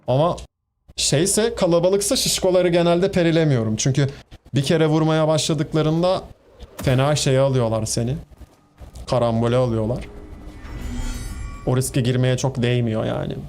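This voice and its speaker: A man's voice: fairly high pitch, normal speed, pauses often, a little mellow, slight background noise. A man with a Turkish accent giving casual, chatty commentary while streaming a game, talking back to enemies and to his viewers. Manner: chatty, talks to the game's enemies and to viewers, laughs easily.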